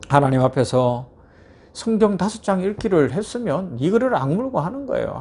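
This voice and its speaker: Man, pastor, morning devotional sermon, high voice, animated preaching, rhetorical questions. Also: breathy edge.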